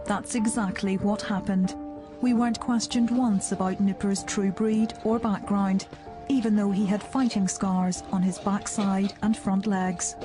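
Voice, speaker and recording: A woman narrating a documentary in a measured, matter-of-fact scripted voice. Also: mid-range voice, fairly even intonation. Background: music.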